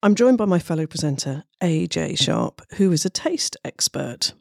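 A woman with an English accent and a croaky, gravelly voice, presenting a talk show with vocal fry at the ends of her phrases. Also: low voice, animated, normal speed, darkish tone, no echo, studio quality. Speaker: radio show host.

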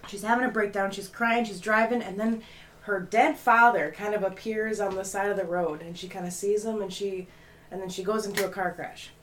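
A woman's voice: medium pitch, fairly even intonation, fairly quick, fairly bright tone, slight background noise. A woman in her twenties chatting casually, rambling with many fillers and restarts. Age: 20s. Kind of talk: casual chat.

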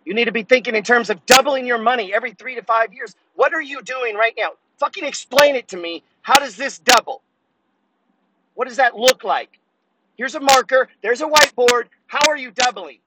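A man's voice: very high-pitched, very noisy. A man in his fifties hosting a podcast, giving a blunt, profane motivational monologue. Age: 50s. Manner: blunt, cursing, preachy. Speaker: podcast host.

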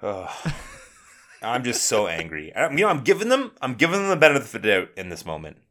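Ranting man with a lively voice. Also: medium pitch, brisk. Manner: heated ranting with swearing. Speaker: podcast co-host. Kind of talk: casual chat.

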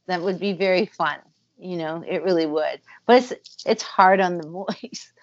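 Low-voiced woman on a video call. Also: unhurried, dry recording, highs cut off. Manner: thoughtful, with frequent ums and uhs. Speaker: musician and former voice actor. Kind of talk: casual interview over video call.

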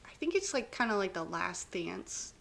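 A young woman co-hosting a podcast, easygoing and quick to laugh in casual chat. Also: mid-range voice, very animated, gravelly, fairly bright tone. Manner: easygoing, laughs often, short replies. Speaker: podcast co-host.

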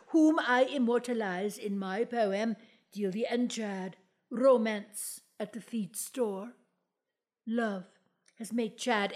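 A woman's voice: a little high, darkish tone. A woman voicing a pompous, grand female poet who recites in a lofty, declamatory way in a comic audio play.

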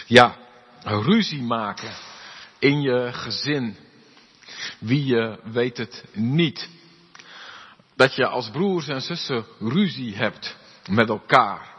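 A man, a pastor, reading Scripture aloud and then preaching, giving the characters' lines an expressive voice. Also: medium pitch, takes it slowly, pauses often, husky. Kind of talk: Bible reading and sermon. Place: church hall. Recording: dull, reverberant church recording.

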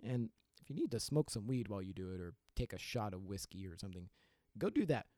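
A young man hosting his own podcast, ranting with big laughing outbursts and quiet sincere asides into a close mic. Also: lowish voice, expressive, quick pace, no echo. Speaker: podcast host. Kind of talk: solo podcast rant.

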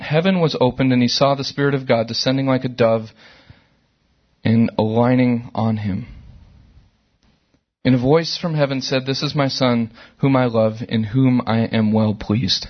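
A middle-aged man preaching a sermon to a church service, conversational and animated, with sudden loud outbursts. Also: medium pitch, normal speed, lo-fi sound. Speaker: pastor.

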